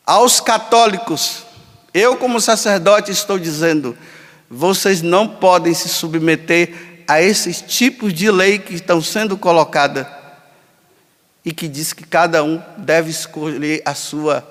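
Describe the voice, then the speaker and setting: Emphatic high-voiced priest. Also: male voice, a little slow, fairly bright tone. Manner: emphatic, acts out imagined dialogues. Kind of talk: sermon. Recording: long hall reverb.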